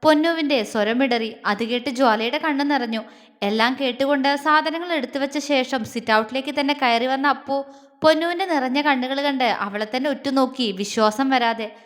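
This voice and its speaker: A woman narrating a romantic family audio story in an expressive storytelling manner. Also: sits high, normal speed, big-room sound. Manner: expressive, voices every character herself.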